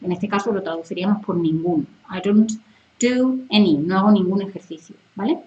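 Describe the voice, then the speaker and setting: A woman's voice: mid-range voice, brisk, a little mellow, muffled recording, a little hiss or hum. A woman with a Spanish accent teaching English grammar in a live online lesson, mixing Spanish and English and checking in often with her students.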